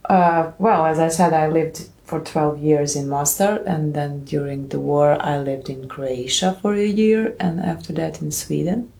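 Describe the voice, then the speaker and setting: Interview guest, woman in her thirties, from Bosnia and Herzegovina, very low voice, thoughtful, soft laughs. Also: measured pace, vocal fry, few pauses. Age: 30s. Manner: thoughtful, laughs softly between answers. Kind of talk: casual interview.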